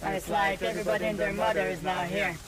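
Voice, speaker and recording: A man streaming a video game live, commenting in a jokey, excitable way with loud outbursts while sounding sleepy. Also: high voice, fast, over a noisy crowd.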